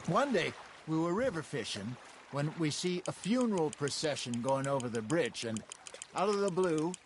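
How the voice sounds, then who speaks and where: A folksy old-west outlaw spinning yarns. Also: male voice, fairly high pitch, a little hiss or hum. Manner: folksy, teasing, animated storytelling. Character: genial older frontier outlaw, jokey storyteller. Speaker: gang member on a fishing trip.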